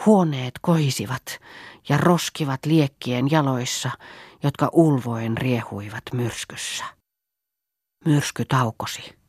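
A woman reading an audiobook aloud in scripted narration, with an even, measured delivery. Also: rumbling low, no echo, clean studio sound. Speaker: audiobook reader.

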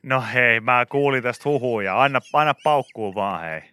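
A man's voice: medium pitch, bright, forceful tone, smooth, no room sound, clean studio sound. A man hosting a morning radio show, bantering casually and teasing his co-host with bursts of laughter. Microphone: studio microphone.

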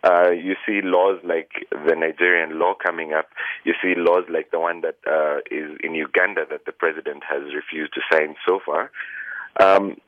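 This Kenyan human rights lawyer has a strikingly deep, low voice and answers an interviewer over a tinny phone line. He's earnest but flat, stopping on fillers and restarting phrases while he collects his thoughts, and the line is dry with no room sound.

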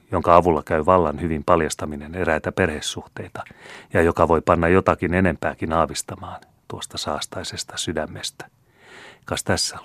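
A man reading the part of a scheming, vengeful male steward, speaking with hushed, sneering false humility in an audiobook. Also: very deep voice, dry recording. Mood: mocking. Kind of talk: audiobook character voice.

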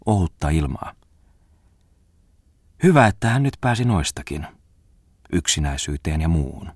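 A man reading a classic novel aloud as audiobook narration, steady and measured. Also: a bass voice, dry recording, clean studio sound. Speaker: audiobook reader. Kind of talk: scripted narration.

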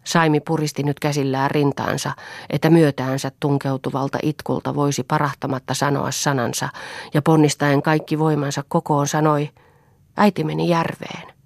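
A woman reading an audiobook as a calm storyteller, in scripted narration. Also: low-pitched, no echo, clean studio sound. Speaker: audiobook reader.

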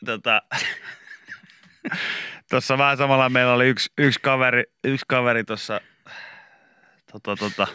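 A man's voice: mid-range voice, steady tone, long pauses, pushed and bright, slight background noise. A man hosting a morning radio show, chatting casually, laughing often and telling stories with animation. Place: radio studio. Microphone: studio microphone.

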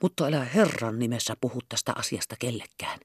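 Woman voicing a hushed conspiring captain. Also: extremely low pitch, animated, husky, dry recording, studio quality, full character voice. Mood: whispered secretive. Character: secretive revolutionary male army captain.

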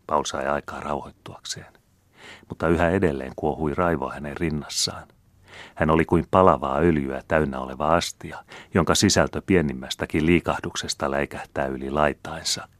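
A man reading a classic novel aloud as an audiobook narrator, in a measured storytelling manner. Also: a bass voice, fairly even intonation, dry recording. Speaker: audiobook reader.

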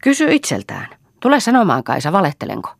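A woman's voice: on the low side, wildly swooping pitch, gravelly, no room sound, studio quality, pitched above the performer's own voice, exaggerated voice. A woman voicing a bitter old farm mother who screams taunts and mocks with spite. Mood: spiteful.

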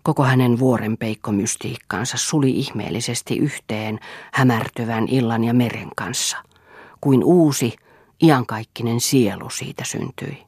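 Husky woman reading a novel aloud. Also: extremely low pitch, a little mellow, no room sound, clean studio sound. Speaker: audiobook reader. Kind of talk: literary audiobook narration.

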